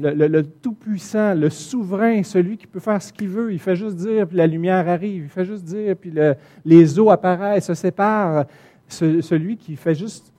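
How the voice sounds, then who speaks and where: A man preaching with a Quebec French accent, his voice sitting fairly high yet sounding mellow and warm. He teaches in an animated way, dropping to quiet asides and then rising to loud, insistent emphasis. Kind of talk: sermon teaching from the Bible.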